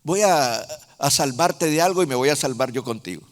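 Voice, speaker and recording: A man preaching a sermon in a Honduran Spanish accent, speaking slowly and emphatically, with sudden loud rises and soft drops. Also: mid-range voice, lively intonation. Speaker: apostle preaching. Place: large church hall. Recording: reverberant church hall.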